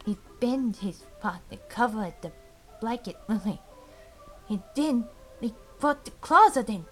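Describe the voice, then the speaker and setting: A woman retelling a fairy tale in a halting, meandering way, often restarting her sentences. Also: on the high side, expressive, faint music behind. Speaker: storyteller.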